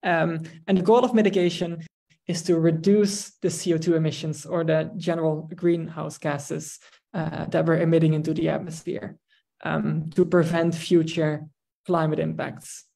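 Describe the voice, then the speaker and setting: A man from the Netherlands, giving an online research presentation over a video call, measured and full of ums. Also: a little high, level tone, vocal fry, dark tone. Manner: measured, with frequent ums and restarts.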